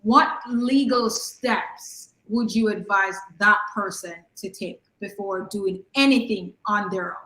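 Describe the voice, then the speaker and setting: A woman's voice: mid-range voice, takes it slowly, few pauses, sharp tone, roomy sound, rough recording. A woman with a Jamaican accent co-hosting a podcast, asking questions in a chatty way and often restarting her sentences. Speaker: podcast co-host. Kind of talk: casual interview questions.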